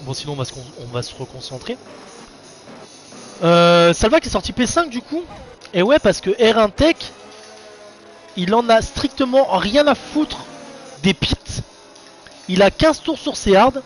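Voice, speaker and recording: A young man giving casual, excitable live commentary on an online racing league, chatting to his viewers in a slangy, informal way. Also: sits high, unhurried, pauses often, soft background music. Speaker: race commentator and streamer.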